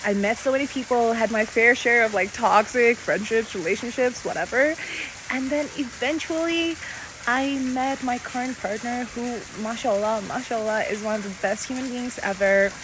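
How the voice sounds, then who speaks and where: A woman's voice: on the high side, noisy background. A woman in her twenties who grew up in Saudi Arabia, chatting in a casual, confiding vlog with many fillers. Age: 20s. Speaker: content creator.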